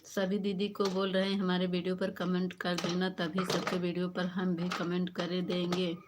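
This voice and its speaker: A woman's voice: fairly low pitch, completely flat delivery, moderate pace, background noise. A woman with an Awadhi-flavoured Hindi accent hosting a live stream, chatting with viewers by name as she reads their comments, scolding them at times and laughing. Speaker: livestream host. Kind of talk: casual livestream chat reading comments.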